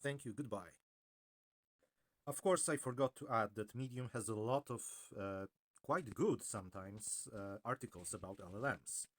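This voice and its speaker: A man presenting an informal technical explainer in a hesitant, halting way, often correcting himself. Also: lowish voice. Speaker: video presenter.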